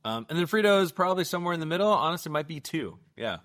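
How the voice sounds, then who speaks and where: Male podcast co-host, 40s, lively pitch, playful and giggly, casual. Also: racing. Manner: laughing, playful, swears casually. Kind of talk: casual chat.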